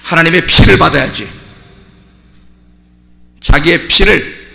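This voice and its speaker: A man preaching a sermon as pastor, swinging from quiet, conversational asides to loud shouting. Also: a little high, a little slow, gravelly. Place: church sanctuary. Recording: long hall reverb.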